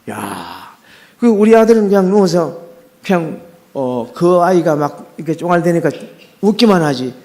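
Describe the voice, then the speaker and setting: A man's voice: a little high, a little mellow. A middle-aged man, a pastor, preaching a sermon as personal testimony, talking earnestly with many fillers and restarts.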